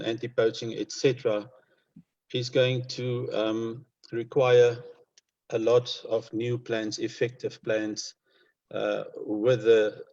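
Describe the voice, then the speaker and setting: Man, Namibian accent, mid-range voice, hesitant and measured, informal interview, muffled low-fidelity sound. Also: darkish tone. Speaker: conservationist interviewed as guest. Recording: dull lo-fi online call audio.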